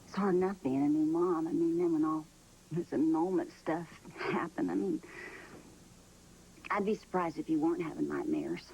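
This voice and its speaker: An actress playing a down-to-earth mother who comforts her daughter in a soft, homespun way. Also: sits low, steady tone, normal speed, creaky, a little hiss or hum, low-quality recording. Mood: soothing. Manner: soothing, homespun, soft-spoken. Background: faint background music.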